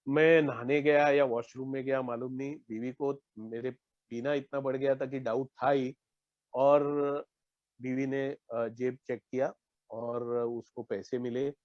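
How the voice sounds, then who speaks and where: A man's voice: mid-range voice, a little mellow, dry recording. Man from India, earnest personal share over a muffled online call, dry and close. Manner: earnest storytelling, acts out his own past dialogue. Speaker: recovering alcoholic sharing at a meeting. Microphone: online meeting call. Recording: dull lo-fi online call audio.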